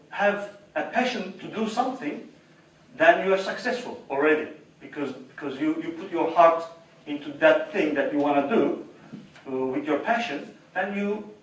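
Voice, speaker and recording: Turkish-accented man lecturing in an echoey room. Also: a little high. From Turkey. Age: 40s. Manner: unhurried, repeats points, asks "right?" and "okay?". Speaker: guest speaker. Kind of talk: informal lecture to a university seminar. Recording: very echoey room, distant mic.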